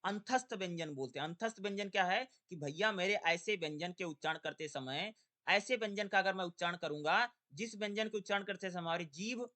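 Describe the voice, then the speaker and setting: Young guy teaching an exam-prep class, high bright voice, keeps asking questions and answering them himself. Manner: drawls syllables slowly in drills.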